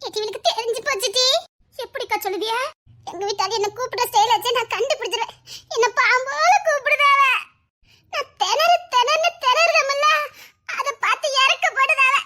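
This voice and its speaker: A woman with a Tirunelveli Tamil accent acting in a comedy sketch, chattering fast and scheming. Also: extremely high pitch, pushed and bright. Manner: fast, chattering and scheming, often laughing as she talks.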